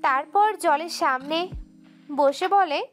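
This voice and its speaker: A woman narrating a scripted romantic audio story in an emotive, steady way. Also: very high-pitched, takes it slowly, soft background music.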